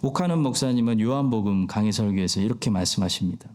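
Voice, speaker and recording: A man's voice: on the low side, fast, a little mellow. A man, the pastor of a church, preaching an expository sermon and asking his listeners rhetorical questions. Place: church sanctuary.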